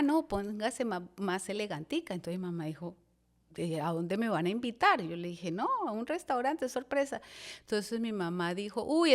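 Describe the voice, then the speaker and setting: A woman in her fifties shares a personal testimony on a podcast. She tells it like a storyteller and slips into the voices of family members as she goes. She speaks at an average pitch for a woman. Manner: lively storyteller who voices her mother and fiancé in quotes. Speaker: pastor.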